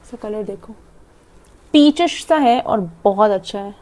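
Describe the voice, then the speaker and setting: Young Indian woman, makeup vlogger, mellow tone, quick chatty delivery with swallowed words. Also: mid-range voice, lively intonation. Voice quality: talks fast and swallows half her words. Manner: chatty, demonstrating while applying makeup. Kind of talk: casual makeup tutorial, Hindi-English mix.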